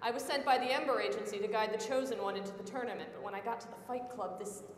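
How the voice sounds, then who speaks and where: A woman's voice: mid-range voice, fast, lightly acted. Woman playing a stern agent in an echoey hall. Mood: matter-of-fact. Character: stern, mysterious female agent guiding a hero. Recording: echoey hall, faint noise.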